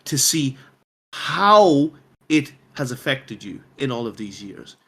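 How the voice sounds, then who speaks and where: A man's voice: medium pitch, big pitch swings, slow pace, crowd noise. A man hosting a podcast, talking earnestly in a casual chat and explaining his points with rhetorical questions. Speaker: podcast host.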